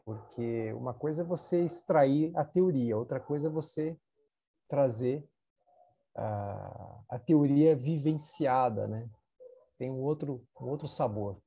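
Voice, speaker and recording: A Brazilian host moderating an online meeting, calm and a little hesitant. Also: medium pitch, takes it slowly, creaky, husky.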